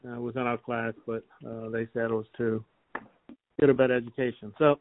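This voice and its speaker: Casting: older male interviewer, hesitant, monotone, thin telephone-like recording. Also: mid-range voice, a little hiss or hum. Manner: halting, tentative questioning with long hesitations. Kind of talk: oral history interview. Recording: thin, phone-like, band-limited sound.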